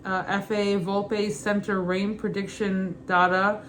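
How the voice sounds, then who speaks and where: A young woman with a Brooklyn accent reads study material aloud in an informal, halting way, adding casual asides. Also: mid-range voice, level tone. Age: young adult. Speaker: student pilot reading an exam guide. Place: kitchen at home, indoors. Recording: clearly noisy home room ambience.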